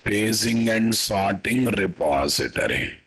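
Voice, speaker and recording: A man with a Telugu-influenced Indian accent and a husky voice, teaching a live coding lesson as an instructor, repeating his statements and quizzing listeners with tag questions. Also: fairly low pitch, animated, slow pace, fairly bright tone. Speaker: programming instructor.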